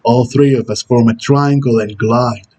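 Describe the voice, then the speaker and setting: A man voicing a stern, brooding video game antihero who gives terse tutorial instructions in a husky voice. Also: medium pitch, fairly even intonation, unhurried, a little mellow, slight background noise, natural voice. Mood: stern, instructional. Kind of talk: character impression reading game tutorial instructions.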